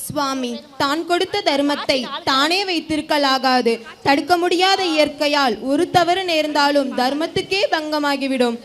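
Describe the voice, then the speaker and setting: A woman's voice: high-pitched, a little slow, a bit bright. A school student voicing a devout queen speaking reverently to a sage in a stage play. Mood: earnest.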